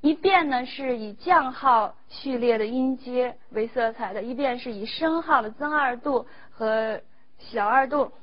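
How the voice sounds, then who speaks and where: Female music teacher, higher voice, measured explanatory delivery; dull recording, faint instrument behind. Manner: measured, explanatory, demonstrates between phrases.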